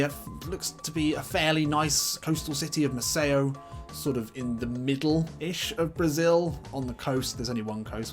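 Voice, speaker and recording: A man who makes gaming videos, giving casual commentary on a football video game, chatty and thinking aloud about his team choices. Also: mid-range voice. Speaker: gaming YouTuber. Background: background music.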